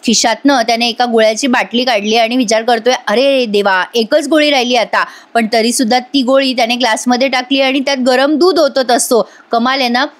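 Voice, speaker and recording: A chatty woman reviewer narrates a TV serial episode in a voice-over and keeps turning to address her viewers directly. Her voice sits high in pitch. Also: fairly even intonation, brisk, few pauses.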